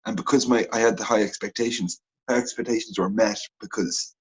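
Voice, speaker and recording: A man co-hosting a casual sports podcast, telling animated, rambling stories in a husky voice. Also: fairly low pitch, brisk, poor audio. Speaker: podcast co-host.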